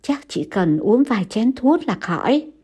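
A woman voicing an anxious young wife, speaking in a pleading, panicky higher voice. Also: very animated, a little slow, a little mellow, breathy edge, full character voice. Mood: soothing.

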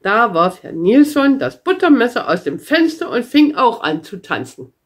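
A woman reading a children's book aloud in a gentle, expressive storytelling manner. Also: fairly high pitch, moderate pace.

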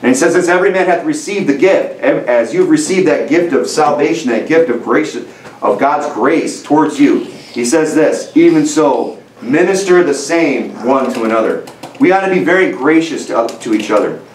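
A man's voice: on the high side, lively intonation, normal speed, darkish tone, a little hiss or hum. Man preaching in a roomy church. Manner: earnest, conversational, many restarts and "you know"; stands at a lectern gesturing with both hands. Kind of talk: sermon. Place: church sanctuary, indoors, medium room. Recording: roomy church audio from a distance.

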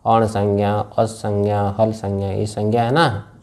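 Slow deep-ish guy teaching grammar to a class, mellow tone, keeps repeating things and asking if they got it. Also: flat delivery. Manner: slow and repetitive, drills phrases and checks understanding. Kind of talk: classroom lecture with questions to students.

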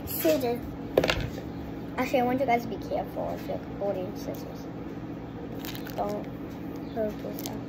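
Heavy background noise surrounds a young girl's casual kitchen-table vlog, filmed on a phone propped on the table by a window. Her female voice is a little high, at a moderate pace with frequent pauses, as she chats, rambles and restarts often to her viewers.

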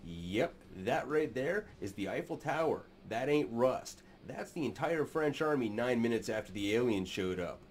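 Expressive and medium-pitched, he talks at a moderate pace with hardly any pauses, and a little hiss or hum is audible. The speaker is a sci-fi channel host in his thirties, seated in a small room, delivering sarcastic, crude, mock-serious commentary to his webcam.

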